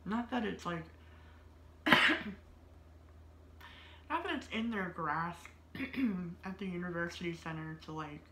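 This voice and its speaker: A woman's voice: lowish voice, slow, pauses often, bright, forceful tone, slight background noise. A woman in her thirties telling a story in a casual, rambling way, with many filler words and frequent laughter. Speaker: vlogger. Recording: roomy echo.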